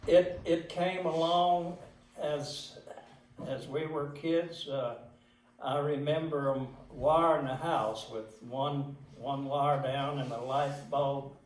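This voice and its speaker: An older man with an Appalachian accent tells of his life at a slow, halting pace. He is plain-spoken and folksy, recorded at a distance from the microphone in an echoey room. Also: on the high side, fairly even intonation. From southwest Virginia mountains. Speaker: interviewee. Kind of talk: casual oral history reminiscence.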